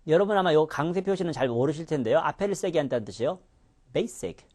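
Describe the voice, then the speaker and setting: A man's voice: fairly high pitch, expressive, very fast, a little mellow. A man teaching English pronunciation in a recorded lecture, demonstrating sounds with exaggerated contrasts.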